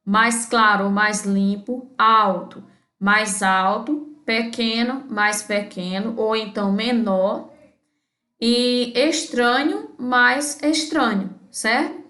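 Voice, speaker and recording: In an echoey room, a Brazilian woman teacher with a fairly high, bright, forceful voice slowly explains an English grammar lesson step by step. She's patient, checking in with her students by repeating "certo?" after each step in this recorded lesson.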